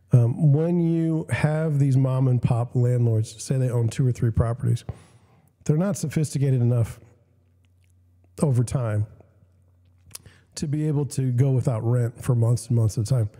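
A young man hosting casual commentary with a scratchy, coughing voice. His tone is very dark and mellow, and it rings with a long reverb, as if he is recording in a hall. He gives blunt opinions and often stops to restart his sentences. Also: medium pitch. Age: young adult. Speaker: host. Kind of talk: casual commentary reading news and questions.

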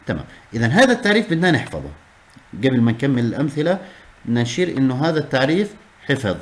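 A man's voice: medium pitch, very animated, rapid-fire. A man teaching a class, explaining step by step and repeating key terms. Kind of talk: classroom lesson on Arabic prosody.

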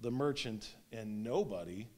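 A man in his thirties preaching a sermon as pastor, speaking with wide swings in emphasis and loudness, recorded standing in a small church sanctuary. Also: lowish voice, animated, unhurried. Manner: gestures while preaching standing up. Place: small church sanctuary with stone fireplace, indoors.

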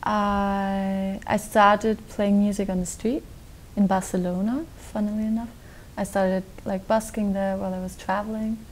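A young woman from Austria answering interview questions in a relaxed, rambling way, full of likes and restarts, recorded in a dark studio. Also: medium pitch, measured pace, hardly any pauses, a little hiss or hum, low-quality recording. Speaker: guest musician. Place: dark television studio set.

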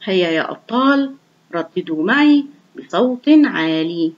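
A woman teaching young children to read in a slow, clearly enunciated, encouraging voice. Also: medium pitch, expressive. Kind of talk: online reading lesson for young children. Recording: dull lo-fi recording.

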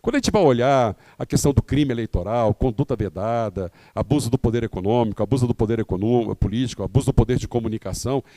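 Man lecturing with a mellow voice. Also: mid-range voice, quick pace, few pauses, dry recording. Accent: Brazilian Portuguese. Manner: explanatory, many fillers and tag questions. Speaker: campaign lecturer. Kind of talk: lecture to candidates.

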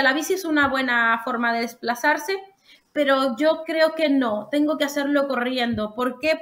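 A woman's voice: sits high, fairly bright tone. A young adult woman with a Mexican accent, a podcast guest explaining her long walk at length with many restarts. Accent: Mexican Spanish. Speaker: guest, long-distance walker. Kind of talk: casual podcast interview.

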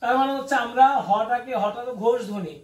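High-voiced man teaching in an echoey room. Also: fast talker. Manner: asks students questions and answers them himself. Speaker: Bangla grammar teacher. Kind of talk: classroom lesson. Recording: echoey room, voice from far off the mic.

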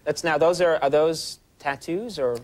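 A man's voice: a little high, fairly even intonation, a little mellow. Upbeat male talk-show host. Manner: quick, upbeat, joking, stumbling restarts. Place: TV studio at a desk.

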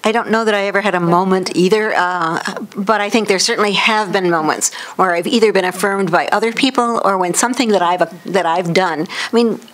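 A woman's voice: medium pitch, fairly quick, hardly any pauses, a bit bright. An academic woman on a panel, telling anecdotes in a chatty way and laughing often. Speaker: panelist, professor. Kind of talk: storytelling on a panel. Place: lecture room.

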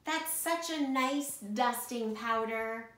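A woman's voice: a little high, slow pace, a bit bright, roomy sound. A woman voicing a cheerful, literal-minded housemaid in a storybook reading. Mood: chirpy.

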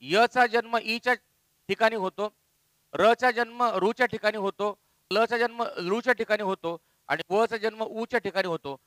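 Bright-voiced male grammar teacher. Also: sits high, no room sound, rough recording. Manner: explains step by step, repeats letters slowly. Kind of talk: classroom grammar lesson.

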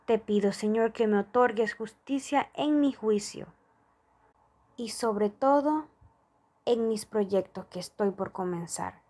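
Slow, soft-spoken woman reading a prayer. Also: mid-range voice. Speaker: prayer reader. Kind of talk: slow guided prayer and affirmations.

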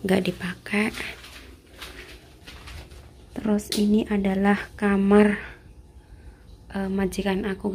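In this indoor clip, a young woman from Indonesia tours her employer's apartment in Taiwan, filming on a handheld phone as she moves from room to room. Her medium-pitched voice has a dark tone and she is chatty, repeatedly saying "seven seperti ini" and often lowering to a near whisper, over slight background noise.

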